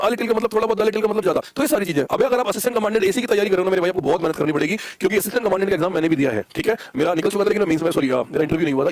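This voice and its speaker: Fast-talking Indian man teaching online. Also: high-pitched, no echo. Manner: fast, coaxing, repeats words and spells them out letter by letter. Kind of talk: live online class.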